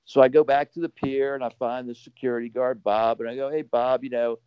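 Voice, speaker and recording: A man's voice: medium pitch, flat delivery, fairly quick, smooth, dry recording, highs cut off. A man telling a long anecdote as a podcast guest, rambling casually with fillers and restarts. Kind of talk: casual storytelling.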